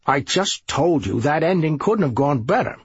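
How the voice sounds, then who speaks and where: A man's voice: on the high side, lively intonation, husky, dry recording, lo-fi sound, voice pushed up, heavily acted. A man voicing a scheming, bossy middle-aged police sergeant who waves off every worry. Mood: dismissive. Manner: brisk, bossy, dismissive.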